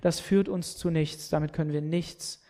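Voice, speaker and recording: A man's voice: on the high side, steady tone, normal speed, warm tone. A man preaching a sermon, retelling a scripture story and speaking earnestly, often repeating words as he presses his point.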